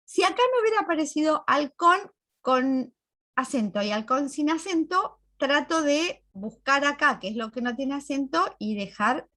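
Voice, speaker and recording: A woman's voice: sits high, animated, normal speed, a bit bright. A woman computing teacher, walking students through a class step by step and checking they follow. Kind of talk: recorded class walkthrough.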